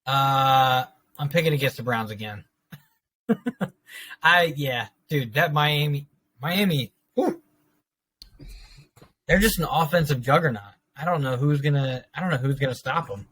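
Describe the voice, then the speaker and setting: A man's voice: mid-range voice, measured pace, pauses often, fairly bright tone, no room sound. A man co-hosting a casual football podcast, laid-back and slangy, laughing often. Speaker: podcast co-host. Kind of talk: casual sports chat.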